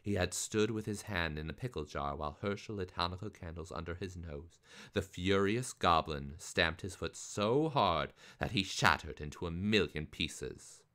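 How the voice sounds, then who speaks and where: Deep-voiced man reading a storybook aloud. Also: normal speed, few pauses. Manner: expressive, theatrical. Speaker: reader. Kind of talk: live read-aloud of a picture book.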